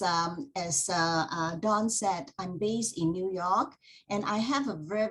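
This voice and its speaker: A woman with a Hong Kong accent gives a webinar presentation over a video call. She speaks in a friendly way but hesitates often with uhs. A faint hiss sits under her voice. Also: on the low side. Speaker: tourism board marketing manager.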